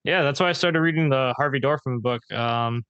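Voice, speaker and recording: A young man hosting a podcast, asking relaxed questions and giving short replies while he listens. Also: medium pitch, a little fast, clear, resonant tone, no echo, dull audio. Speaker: podcast host. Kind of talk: casual interview.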